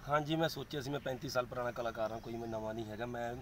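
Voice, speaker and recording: A man's voice: medium pitch, very fast, a little hiss or hum. A man in his forties with a Punjabi accent, answering questions casually in an outdoor interview. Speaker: comic performer being interviewed. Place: outdoors in a leafy park.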